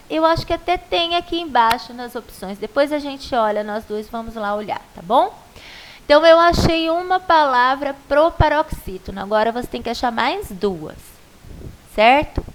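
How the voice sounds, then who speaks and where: A woman's voice: a little high, slight background noise, low-quality recording. A Brazilian woman primary school teacher giving a patient, coaxing video lesson to a child, stretching out syllables to show stress.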